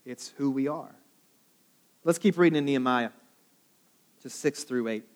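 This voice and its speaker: A man's voice: mid-range voice, normal speed. Joking, conversational male preacher. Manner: conversational and joking, often asking "right?". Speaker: pastor. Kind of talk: sermon.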